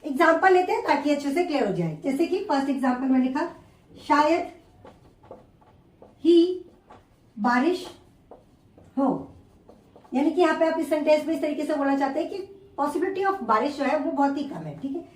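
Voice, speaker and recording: Woman teacher, high voice, slow word-by-word explaining, recorded far off in an echoey room. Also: lively intonation. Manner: explains slowly, repeating each example word by word. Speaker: English teacher. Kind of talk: classroom grammar lesson.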